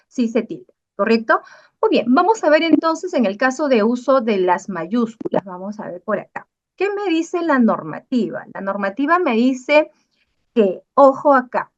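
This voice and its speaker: A woman's voice: a little high, dull audio. A woman lecturer giving an online class, explaining step by step and checking in with the students through frequent tag questions.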